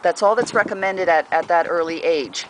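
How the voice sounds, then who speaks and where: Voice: medium pitch, moderate pace, fairly bright tone. A pet owner casually giving puppy training advice at home, rambling with many fillers and often breaking off to talk to the pets. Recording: noisy home recording.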